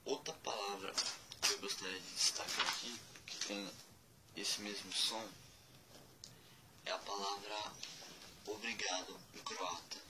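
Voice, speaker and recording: A man giving a casual spoken lesson, spelling out letters one by one and repeating words slowly. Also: lowish voice, steady tone, very noisy. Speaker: language teacher.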